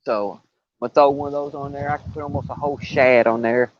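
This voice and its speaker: A man's voice: medium pitch, fairly even intonation, quick pace, muffled recording, a little hiss or hum. An older man, chatting casually on a live fishing stream from a riverbank and telling stories with stumbles and restarts. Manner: rambling, folksy storytelling with stumbles and restarts. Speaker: fishing livestreamer. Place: outdoors on a riverbank.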